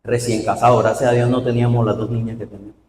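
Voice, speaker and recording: A man preaching a sermon in a church, animated, with rhetorical questions to the congregation. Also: mid-range voice, fast talker, a little hiss or hum. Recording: roomy hall, voice from far off.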